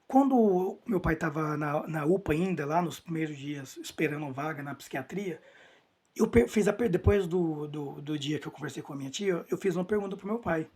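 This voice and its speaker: A man's voice: a little high, a little mellow, husky. A man gives an emotional personal testimony as a church member. He talks earnestly, repeats phrases for emphasis and often restarts his sentences.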